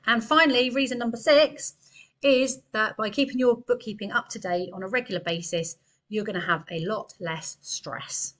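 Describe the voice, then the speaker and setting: Speaking at normal speed in a somewhat high, slightly bright voice, a woman in her thirties shares business advice straight to camera. She's an accountant, chatty and earnest, talking with her hands in a small room.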